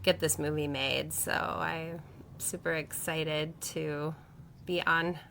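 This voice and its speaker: A woman's voice: sits low, little pitch movement, slow, gravelly, fairly bright tone, a little hiss or hum. A woman, a film producer, talking enthusiastically in a casual conversation. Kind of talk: casual chat.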